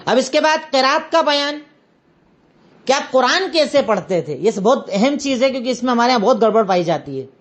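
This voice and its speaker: A woman's voice: high voice, sing-song. A woman with an Indian Urdu accent teaching an Islamic lesson, explaining step by step and repeating her references. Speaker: religious teacher.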